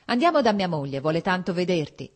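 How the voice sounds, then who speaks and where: A woman's voice: fairly low pitch, sing-song, fast talker. Woman doing a hearty, effusive nobleman. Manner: effusive, insistent. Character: cheerful, hearty middle-aged nobleman.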